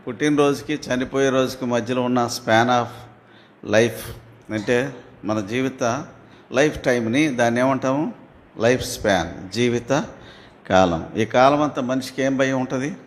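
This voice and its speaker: A man with a Telugu accent preaching a sermon. He asks his listeners questions and answers them himself, reads scripture slowly and grows loud and fervent. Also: medium pitch, slight background noise.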